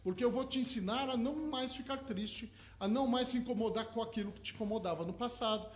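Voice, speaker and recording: A man's voice: very high-pitched, quick pace. A man, a hypnotherapist guest in a radio studio, eagerly explaining his ideas with everyday examples. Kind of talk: radio interview.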